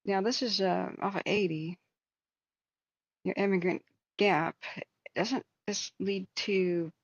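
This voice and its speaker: A woman's voice: mid-range voice, slow, no echo, highs cut off. A woman hosting a livestream with casual wildfire-tracking commentary, thinking aloud in a conversational way. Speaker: livestream host.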